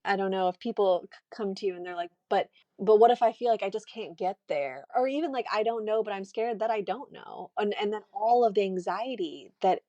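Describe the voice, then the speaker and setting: A woman's voice: medium pitch, brisk, few pauses, mellow, no echo, dull audio. A woman host asking a long, thoughtful, searching question in an interview conversation. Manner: thoughtful, searching, with small restarts. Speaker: podcast host.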